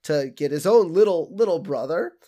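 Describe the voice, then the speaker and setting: A man's voice: a little high, lively intonation, normal speed, dark tone. A man co-hosting a podcast, recapping an episode in casual chat, acting out quoted lines and laughing often. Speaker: podcast co-host.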